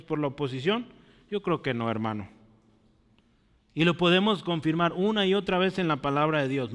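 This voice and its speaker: A man with a fairly high, fairly bright voice preaches earnestly to his congregation, frequently asking them questions. The church hall gives the recording a long reverb.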